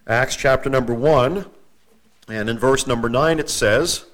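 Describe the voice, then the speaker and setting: A man preaching a sermon, mixing folksy stories with slow, careful readings of scripture and correcting himself as he goes. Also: medium pitch, fairly bright tone. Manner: homespun asides and self-corrections, slows for scripture reading.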